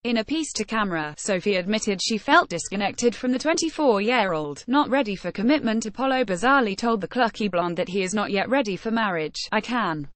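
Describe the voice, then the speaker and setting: A woman's voice: mid-range voice, lively intonation, brisk, hardly any pauses, no room sound. Dry synthetic female news reader. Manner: synthetic, literal reading of punctuation and dates. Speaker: article reader. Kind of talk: scripted news narration, read-aloud article.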